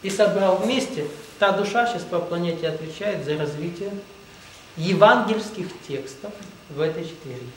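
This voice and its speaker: A man's voice: high voice, normal speed, fairly bright tone, a little hiss or hum. A man giving a rambling, emphatic spiritual lecture, often saying "well, let's say". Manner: rambling, emphatic, repeats "ну, допустим". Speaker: spiritual teacher. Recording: echoey room, distant mic.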